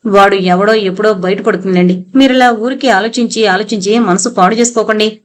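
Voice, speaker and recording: A woman's voice: medium pitch, a little fast, close to an everyday voice. A woman voicing a worried middle-aged wife and mother in an audiobook reading, fretful and pleading.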